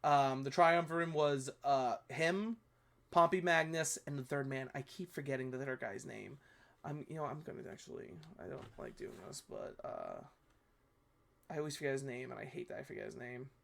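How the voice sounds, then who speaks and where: A gravelly, medium-pitched voice with big pitch swings belongs to a history video host from New York, reviewing a video at a moderate pace. He talks casually and rambles, correcting himself and slipping in apologetic asides.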